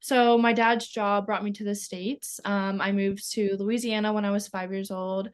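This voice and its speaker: Answering interview questions, this teenage Canadian swimmer is chatty, full of ums and likes, and quick to laugh. Her medium-pitched voice is clear and resonant, though her delivery stays flat at a normal pace.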